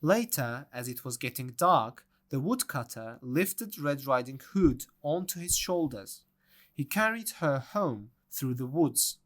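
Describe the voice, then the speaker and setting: Slow man reading a storybook. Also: mid-range voice, lively intonation, a bit bright. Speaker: narrator. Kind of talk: storybook read-aloud.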